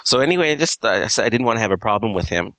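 A man's voice: on the low side, very animated, racing, a bit bright, no echo. A man telling a rambling story in casual chat, full of fillers and restarts, heard over an internet call. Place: Quebec home over a call. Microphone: internet call audio.

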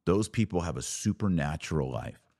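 An American podcast host with an extremely low, mellow voice and lively intonation offers earnest, emphatic religious commentary somewhere between a sermon and a live-stream chat, building lists phrase by phrase at a normal speed. The recording is dry and studio quality.

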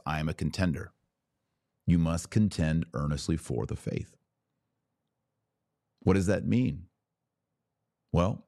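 In a dry, clean studio recording, a man with a deep, darkish voice hosts a religious commentary podcast. He preaches emphatically to a live audience in short, punchy phrases, firing rhetorical questions straight at his listeners and acting out imagined quotes with impassioned fervor.

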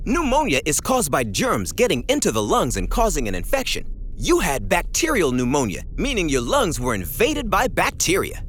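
A woman's voice: low-pitched, wildly swooping pitch, moderate pace, breathy edge, heavily acted. A woman playing an upbeat young medical superhero who explains things eagerly in an educational cartoon. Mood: explaining. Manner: enthusiastic, explanatory.

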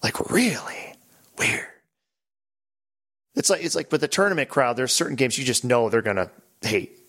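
A man's voice: medium pitch, very animated, normal speed, a bit bright. A man co-hosts a casual podcast in a mid-range voice. He rambles and jokes, restarting his sentences as he goes. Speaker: podcast co-host. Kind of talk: casual chat.

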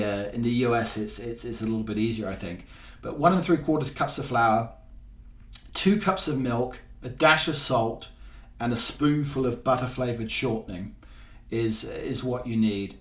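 A man hosting a casual solo podcast, rambling along with frequent ums and restarts. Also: mid-range voice. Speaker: podcast host. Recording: roomy, from a distance.

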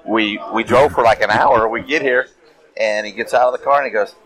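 A man's voice: mid-range voice, fairly even intonation, brisk, crowd noise, rough recording. A man who owns a cigar company, guesting on a casual podcast and telling teasing stories. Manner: teasing storyteller. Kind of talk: casual chat. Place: cigar lounge.

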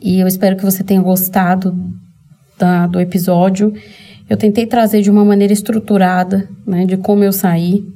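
Mellow-voiced Brazilian woman telling her story. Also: mid-range voice, flat delivery, moderate pace. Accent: Brazilian Portuguese. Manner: candid, emotional, speaks directly to viewers. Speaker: channel host. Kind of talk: personal storytelling vlog.

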